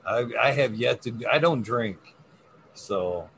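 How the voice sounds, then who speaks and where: A man's voice: medium pitch, animated, slow, fairly bright tone, low-quality recording. Sweary man rambling over background noise. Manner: coarse, heavily sweary, slangy. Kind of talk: casual rambling chat.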